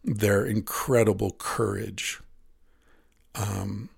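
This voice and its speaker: A man's voice: lowish voice, fairly even intonation, very slow, creaky, husky, dry recording, clean studio sound. A man talking frankly and earnestly in a casual critique of a book, now and then swearing. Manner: frank, earnest, profane at times.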